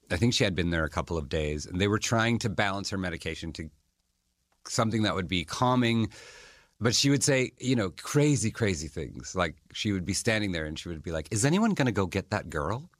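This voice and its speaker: A man's voice: sits low, dry recording, clean studio sound. A man hosting a podcast, candidly telling the story of caring for his mother in a wry, conversational way. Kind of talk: personal storytelling.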